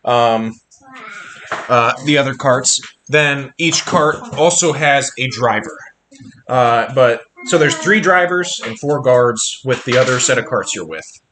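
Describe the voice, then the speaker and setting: A man running a tabletop game as game master, explaining rules in a relaxed way. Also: medium pitch, takes it slowly.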